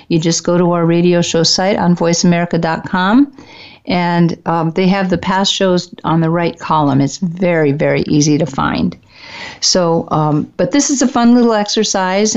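A woman hosting a radio show, talking casually and gently coaxing listeners through a guided meditation in an unhurried way. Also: lowish voice, muffled recording.

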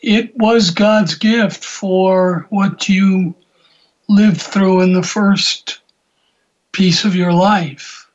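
A host gently affirming a guest's story and asking follow-up questions. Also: medium pitch, steady tone, drawn-out words. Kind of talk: supportive interview questions. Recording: dull lo-fi sound.

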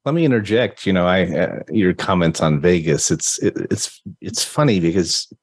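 Low husky man hosting an interview. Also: normal speed. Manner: friendly, chatty, frequent restarts. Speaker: podcast host. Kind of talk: conversational interview.

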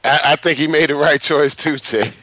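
A man in his fifties hosts a sports talk show, speaking emphatically and repeating himself in a casual radio interview. His voice is fairly high with a sharp tone at a normal speed, recorded without echo but with the highs cut off.

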